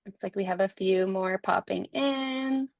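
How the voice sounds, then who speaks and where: A woman's voice: medium pitch, a little slow, vocal fry, no echo. A woman hosting a webinar, upbeat and welcoming, reading scripted introductions. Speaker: webinar host.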